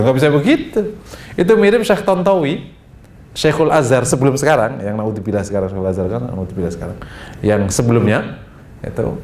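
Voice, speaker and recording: A man giving an Islamic study lecture in style, chatty and animated, jumping high in pitch for emphasis and slipping in laughing asides. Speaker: Islamic preacher. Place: mosque study hall. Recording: echoey room with faint background rumble.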